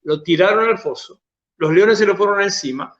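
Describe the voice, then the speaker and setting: A pastor with an Argentine Spanish accent preaching a sermon, stretching key phrases for emphasis and then dropping to soft, low asides. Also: male voice, normal speed, echoey room, dull audio.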